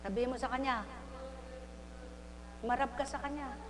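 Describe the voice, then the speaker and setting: A woman preacher giving a lively sermon, teasing her congregation and asking them questions again and again. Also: sits high, normal speed, noisy background. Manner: playful, teasing, asks the crowd questions over and over. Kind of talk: lively sermon with audience interaction. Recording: echoey hall with long reverb.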